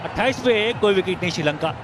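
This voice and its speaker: Very high-pitched male cricket commentator. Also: animated, fast. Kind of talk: live cricket commentary and analysis. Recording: clear background noise, outdoor ambience.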